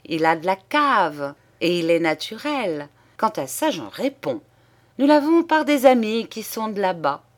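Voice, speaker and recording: A woman's voice: medium pitch, big pitch swings, a little slow. A woman reading an audiobook, voicing a jovial, blustering middle-aged clerk who plays the eager host. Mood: hearty. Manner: loud and hearty.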